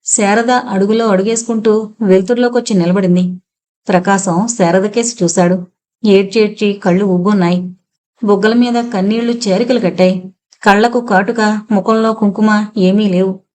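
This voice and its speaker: A woman narrating a full-length novel as an audiobook, with steady storytelling. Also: mid-range voice, moderate pace.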